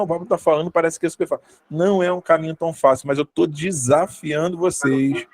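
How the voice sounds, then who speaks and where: A man's voice: mid-range voice, a little mellow, low-quality recording. A young man with a Brazilian Portuguese accent giving a conversational workshop talk, full of fillers and tag questions. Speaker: workshop speaker on communication.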